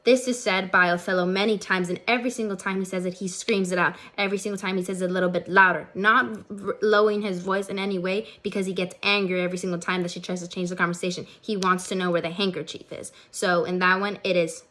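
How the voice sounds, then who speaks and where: Student girl explaining scene choices, earnest read-aloud tone, voice on the lower side. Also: little pitch movement, fast talker, hardly any pauses, fairly bright tone. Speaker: student co-director. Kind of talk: reading a project explanation.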